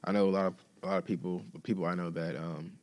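A man's voice: deep voice, flat delivery, fast, darkish tone. A man hosting an interview, asking curious, friendly questions. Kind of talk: casual interview chat.

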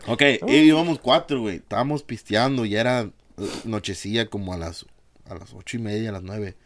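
A man's voice: on the low side, a little fast. A man telling rambling fight stories in casual podcast chat, full of slang and fillers. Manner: slangy, rambling, peppered with "güey". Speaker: podcast co-host. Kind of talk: casual storytelling among friends.

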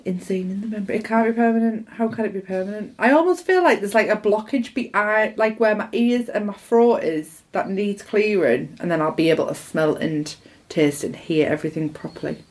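A British woman co-hosting a podcast with casual, animated, teasing banter and quick interjections. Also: medium pitch. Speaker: podcast co-host.

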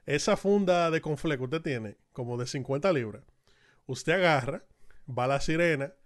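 A man's voice: fairly high pitch, moderate pace. Slangy Dominican man telling a story. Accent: Dominican Spanish. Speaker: podcast co-host. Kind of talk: casual chat.

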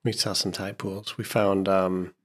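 A man with an unusually deep voice talks casually with his child. He keeps the chat going with gentle, playful questions and easy remarks. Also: level tone, measured pace, husky. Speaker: parent talking with his child.

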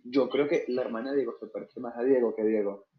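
Fast-talking guy teasing friends. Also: mid-range voice, fairly even intonation. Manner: quick teasing banter. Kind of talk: casual chat among friends. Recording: slightly muffled lo-fi recording.

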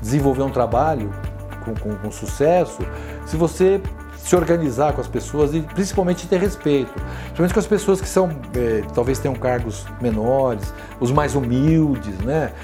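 Over background music, a São Paulo man in his sixties recounts his working years in a life-story interview, his accent São Paulo Portuguese. He sounds animated at a medium pitch but unhurried and hesitant, frequently starting over and tacking on tag questions.

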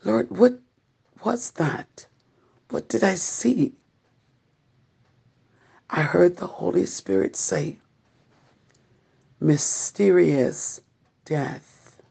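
Gravelly, slow doomsday preacher urging repentance. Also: medium pitch, expressive, mellow. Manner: solemn, pleading, slow, repetitive exhortation with long pauses. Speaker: preacher giving a prophetic warning. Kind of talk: urgent doomsday sermon calling listeners to repent.

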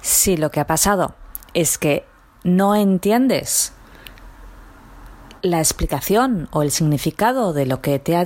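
A woman with a Spain accent teaching a patient radio language lesson and explaining slowly with examples. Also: lowish voice, darkish tone. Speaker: Spanish teacher and radio host.

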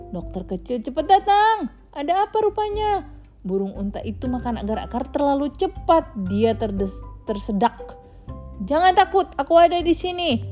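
A woman's voice: sits high, dark tone. A mother reading a children's storybook aloud to her child, adding playful asides as she goes.

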